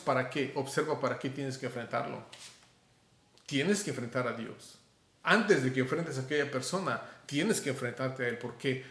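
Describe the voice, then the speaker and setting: A middle-aged man with a Mexican Spanish accent preaching a sermon, conversational and animated, talking straight to the listener. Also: fairly high pitch. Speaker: pastor. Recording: roomy echo.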